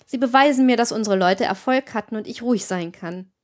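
A woman's voice: fairly high pitch, fairly quick, close to an everyday voice. A woman doing a scornful, hard-hearted gang matron. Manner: scornful and lecturing. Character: cynical hard-hearted older female gang leader.

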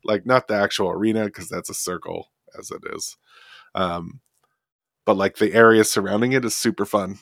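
A man's voice: on the low side, steady tone, moderate pace, fairly bright tone, no room sound, studio quality. A man hosting a casual gaming podcast, rambling with many fillers. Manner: rambling, lots of fillers and likes. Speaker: podcast host. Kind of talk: casual chat. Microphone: desk podcast mic.

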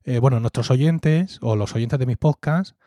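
A man's voice: medium pitch, unhurried, warm tone, dry recording, clean studio sound. A man with a Murcian accent, co-hosting a podcast and telling fond, reflective stories in casual conversation, often tagging his lines with a questioning "¿no?". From Murcia, Spain. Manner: reflective, fond storytelling with frequent "¿no?" tags. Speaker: podcast co-host.

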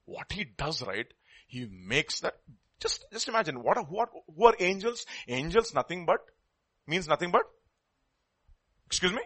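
A man with a South Indian Telugu accent delivers a sermon in a somewhat high voice. He teaches as he preaches, repeating key words for emphasis and asking rhetorical questions of his listeners. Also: very animated, normal speed, pauses often, a bit bright.

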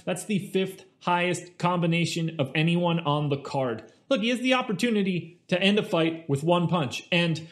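A man hosting a fantasy sports picks show, talking through stats and rankings in a casual, conversational presenter style. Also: high-pitched. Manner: casual, conversational, stat-heavy delivery.

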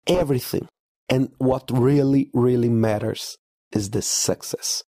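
A man with a cold hosting a podcast, his voice hoarse and carried over low-quality audio, talking in a halting way with repeated words and fillers. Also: fairly even intonation, warm tone, no echo, clean studio sound. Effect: low-quality audio stream. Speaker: podcast host. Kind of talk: conference report podcast.

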